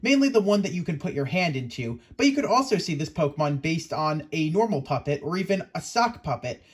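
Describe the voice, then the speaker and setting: With a fairly high, husky voice, a man presents a Pokemon education show a little fast and with lots of animation. He plays a playful professor host, chatty and theatrical, often putting questions to the audience.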